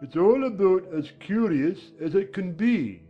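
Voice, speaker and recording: A bossy, impatient Gryphon. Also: male voice, high-pitched, animated, unhurried, muffled recording, faint music behind. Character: impatient, solemn male Gryphon creature.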